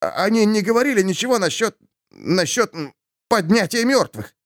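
A man's voice: high voice, sing-song, normal speed, no room sound, studio quality, voice pushed up. A man doing a stammering, nervous man. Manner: stammering, trembling.

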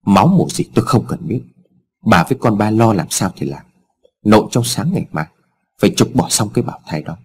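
A man's voice: lowish voice, expressive, brisk, lightly acted. A man voicing a stern furious old father. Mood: harsh.

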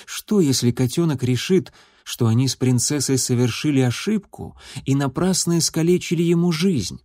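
Man, audiobook narrator, even storytelling delivery, mid-pitched, dry recording. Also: normal speed, dry recording. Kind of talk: scripted narration.

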